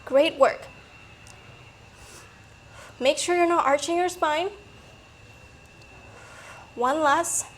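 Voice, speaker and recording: Peppy breathy lady leading a workout, high voice, bit of noise in the background. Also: very slow, pauses often. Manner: peppy, encouraging coaching. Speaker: fitness coach. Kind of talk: workout instruction.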